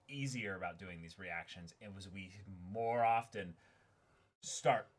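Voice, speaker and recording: A man who hosts an online reaction channel speaks casually and without a script, reflecting on things and explaining them. His voice is deep, and his pace is measured.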